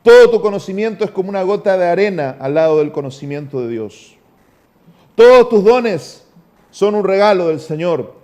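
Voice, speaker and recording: A male Argentine pastor preaching with a noticeably high voice. His tone is mellow and dark rather than bright, and he stretches key phrases slowly before letting them fall low and soft. He speaks with an Argentine Spanish accent. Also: expressive. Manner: emphatic preaching with slow, drawn-out phrases that drop to low, quiet endings. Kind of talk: sermon.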